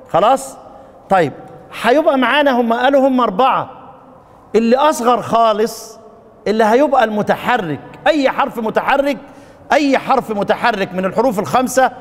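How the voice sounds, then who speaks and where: High-voiced Upper Egyptian teacher in a reverberant hall. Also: male voice. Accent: Upper Egyptian Arabic. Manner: quizzes students, jokes with them. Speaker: Quran recitation teacher. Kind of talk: casual classroom lecture. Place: mosque lesson hall.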